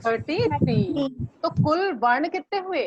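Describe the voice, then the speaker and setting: A woman's voice: high voice, a little slow. A woman teacher giving a grammar lesson in a classroom, often repeating her questions to drill the students. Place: classroom with blackboard. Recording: dull lo-fi recording with steady noise.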